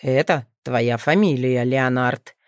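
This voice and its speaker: A calm dragon father, as a woman narrator puts him on, speaks in a deep, low, steady voice. He reassures his small sons gently and patiently. The audiobook sound is close and dry, with no room around it. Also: takes it slowly, no echo. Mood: calm, reassuring. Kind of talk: audiobook reading.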